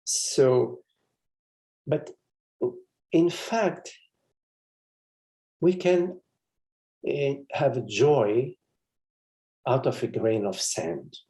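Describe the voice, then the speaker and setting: A man's voice: medium pitch, lively intonation, extremely slow, pauses often, warm tone. A man, a spiritual teacher, giving a meditative live satsang talk in a meandering, conversational way with frequent chuckles and asides.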